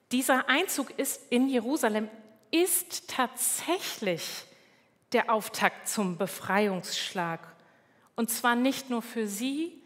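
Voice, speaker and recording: A woman preaches a sermon at an unhurried pace, calm and measured, stopping now and then to correct herself. Her voice rings out with the long reverb of a large church hall. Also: a little high. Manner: calm, measured, with small slips and self-corrections.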